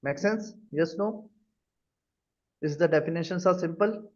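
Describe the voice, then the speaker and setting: High-pitched Indian-accented man teaching, dull audio. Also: unhurried. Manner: repeatedly checks understanding with short tag questions. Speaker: cloud computing instructor. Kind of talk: live online class lecture. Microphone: video call. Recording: dull, lo-fi video-call audio.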